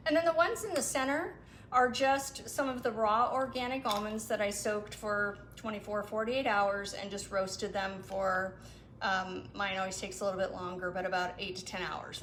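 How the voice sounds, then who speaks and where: A woman guest explaining her recipes in a relaxed, casual chat, with lots of fillers. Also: mid-range voice, moderate pace. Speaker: guest cook. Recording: echoey room with some noise.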